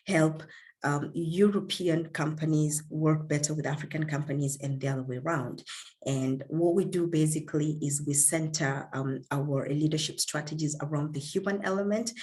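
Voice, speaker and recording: Low-voiced kenyan woman giving a leadership talk on a video call, earnest, lots of ums and restarts. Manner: warm and earnest, with frequent fillers and repeated words. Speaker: guest speaker.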